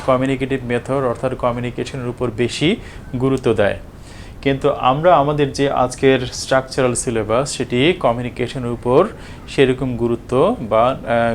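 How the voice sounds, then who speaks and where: A man's voice: medium pitch, a little hiss or hum. A man teaching a lesson, explaining step by step with many fillers and restarts. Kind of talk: explanatory lecture.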